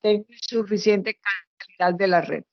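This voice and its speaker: A woman's voice: mid-range voice, normal speed, no room sound. Woman lecturer on choppy, breaking-up internet audio. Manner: patient, checks whether she can be heard. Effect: choppy, breaking-up audio over an unstable internet connection. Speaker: medical lecturer. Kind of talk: online class lecture. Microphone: video call. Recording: dull lo-fi video-call audio.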